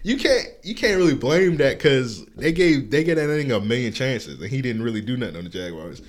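A man's voice: medium pitch, big pitch swings, brisk. A man chatting casually about football, blunt and cursing freely. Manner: blunt, casual, swears a lot. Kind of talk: casual sports chat.

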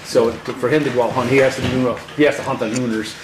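Fast-talking older storyteller man, roomy sound. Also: medium pitch. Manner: animated storyteller who acts out voices. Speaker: hunting guide guest. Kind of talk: podcast storytelling. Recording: roomy room with faint noise.

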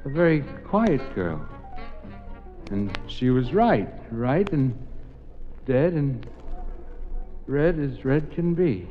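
An actor playing an unhinged, obsessive nightclub entertainer in an old radio drama, with a halting, drifting way of talking. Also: male voice, medium pitch, very animated. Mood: unravelling. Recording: dull old radio recording, music behind.

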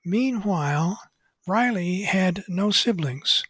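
An older man, an author and photographer appearing as an interview guest, tells unscripted stories in a slow, husky yet high and expressive voice. He hesitates often with "uh" pauses and quotes other people in a hushed voice, with no room sound audible.

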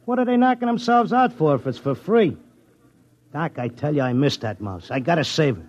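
In 1950s radio drama style, an actor plays a stubborn, lovesick Broadway handicapper with a New York accent, delivering first-person narration and dialogue in slangy, colloquial tough-guy talk. He sounds stubborn and insistent, his male voice a little high and a little fast, with lively intonation and a darkish tone. The vintage radio recording is dull, with music behind it.

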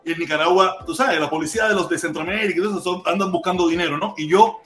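Cuban man, podcast host, high voice, rapid talk, echoey room, animated storytelling. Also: over music. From Cuba. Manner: animated storyteller, repeats phrases, acts out quotes. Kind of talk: casual live podcast chat.

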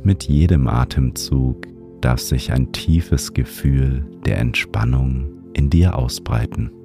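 A man narrating a guided sleep meditation as a podcast host, in the calming manner of a sleep story narrator. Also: very deep voice, slow pace, music in the background.

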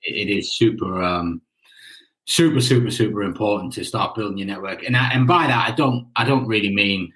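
A man hosting a casual interview, relaxed, often repeating words as he thinks. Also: lowish voice, a little fast, rough recording. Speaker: interview host.

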